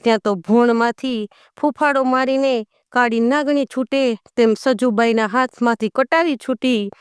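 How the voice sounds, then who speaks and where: A woman's voice: on the high side, clear, resonant tone, dry recording, studio quality. A woman narrating a folk tale in a dramatic storytelling manner, with rustic dialect in the characters' speech.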